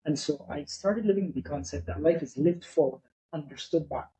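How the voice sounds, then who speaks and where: A middle-aged man talks through his thoughts on life as a podcast guest, slow to draw conclusions and fond of a good saying. His voice sits a little high for a man yet sounds soft and warm. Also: low-quality recording. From Barbados. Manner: reflective, philosophical. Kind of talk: casual podcast conversation.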